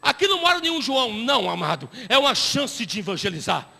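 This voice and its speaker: A man preaching an evangelistic sermon in a church, telling stories and rising to shouts at the climaxes. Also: extremely high pitch, fast talker, vocal fry, in a large hall. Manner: animated storytelling, bursts into shouting at climaxes.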